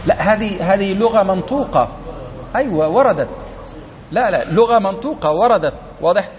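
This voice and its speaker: Male teacher, higher voice, repeats and checks the class, dull lo-fi tape. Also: animated, normal speed. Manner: explains step by step, repeats key words, keeps checking the class understands. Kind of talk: classroom grammar lesson. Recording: dull lo-fi recording.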